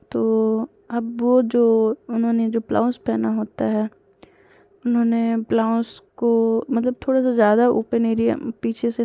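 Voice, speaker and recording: A woman's voice: fairly high pitch, gravelly, no room sound. A young woman casually retelling a love story, linking the lines with "so she says". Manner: plain retelling with frequent "so she says" links. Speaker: storyteller vlogger. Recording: dull lo-fi sound.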